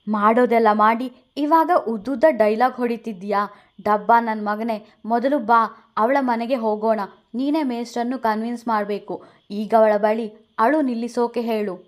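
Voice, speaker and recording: A woman reading a young man caught in a rushed marriage, anxious and pleading. He speaks in a raised, slightly high voice. The delivery is heated rather than calm. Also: close to an everyday voice. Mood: exasperated.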